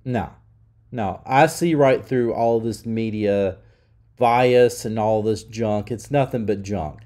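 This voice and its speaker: This channel host is a middle-aged man whose warm voice sits on the low side. He rants slowly about his opinions with heat and emphasis, his nose audibly stuffed up from illness.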